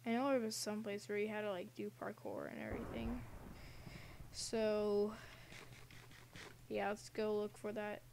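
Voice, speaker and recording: A woman's voice: medium pitch, measured pace, pauses often, darkish tone, a little hiss or hum. A young woman casually commenting on a game she is playing, rambling and giggling with silly asides, recorded at home. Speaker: gaming channel host.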